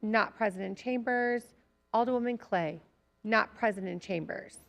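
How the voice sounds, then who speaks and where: A woman council clerk reads a roll call in a crisp, repetitive rhythm. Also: medium pitch, normal speed, lo-fi sound.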